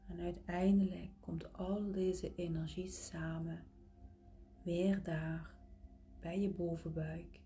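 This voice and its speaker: Speaking softly and breathily, sometimes in a whisper, a woman leads a guided relaxation meditation so close it seems right in your ear, calm with gentle pauses. Her voice is on the low side and flat in delivery, with a little hiss or hum behind it.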